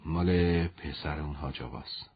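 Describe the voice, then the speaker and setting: A man voicing a calm, humble male war commander who teases gently, in a storybook reading. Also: rumbling low, dull audio, pitched below the performer's own voice. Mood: gentle. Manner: gentle, teasing.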